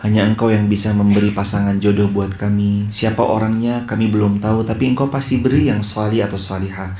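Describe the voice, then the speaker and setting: A man's voice: fairly low pitch, flat delivery, a little fast, darkish tone, roomy sound, slight background noise. Man preaching with pleading Arabic chants. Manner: pleading, chanted Arabic verses, addresses audience. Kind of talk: sermon.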